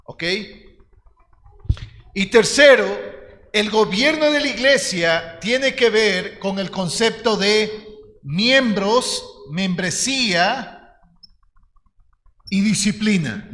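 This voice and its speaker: A man's voice: sits high, expressive, slow pace, pauses often, a bit bright. A man, preaching a teaching sermon in an earnest, direct way and calling his listeners brothers. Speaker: pastor. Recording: long hall reverb.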